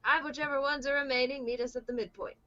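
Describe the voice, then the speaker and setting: A woman's voice: sits high, fairly even intonation, fast talker, bright, forceful tone, muffled recording. A woman reading the lines of a wise old male wizard mentor in a casual script read-through, in her own voice. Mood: earnest.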